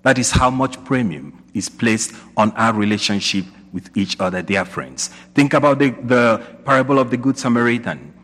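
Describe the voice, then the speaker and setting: With a lively, fairly bright voice of medium pitch, a priest delivers a sermon at normal speed with few pauses. He raises questions with rising intonation and repeats key points for emphasis. The long reverb of a large church hall surrounds every word.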